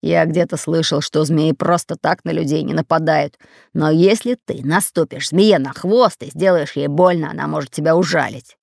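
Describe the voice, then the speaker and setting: A woman's voice: deep voice, fairly even intonation, normal speed, creaky, darkish tone, no echo, studio quality. A woman voicing a fat red-bearded pirate captain who growls orders. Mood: warning. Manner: growling, commanding.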